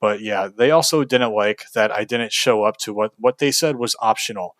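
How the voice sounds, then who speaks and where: A man's voice: lowish voice, moderate pace, a bit bright, no echo. A young man from Kentucky telling a frank, casual story about a bad job, venting with fillers and the odd curse. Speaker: video host.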